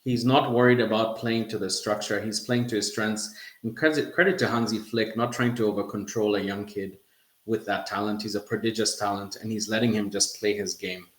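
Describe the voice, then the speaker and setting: A man's voice: lowish voice, steady tone, brisk, reverberant. A man hosting a casual football podcast, chatting loosely and laughing now and then. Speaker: podcast host.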